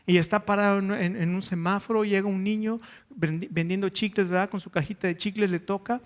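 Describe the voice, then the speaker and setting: A man's voice: sits high, steady tone, fairly quick. A man preaching a sermon as pastor, telling stories with frequent hesitations and restarts.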